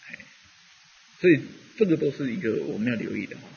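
A man's voice: mid-range voice, expressive, fast, creaky, a little mellow, dull audio, a little hiss or hum. A man giving a rambling, conversational Buddhist dharma talk, full of fillers as he teaches.

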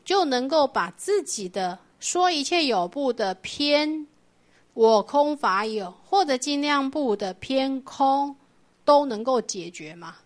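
A woman gives a Buddhist doctrine lecture. Her voice sits a little high, and she explains things patiently. She keeps putting rhetorical questions to her students. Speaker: Buddhist teacher.

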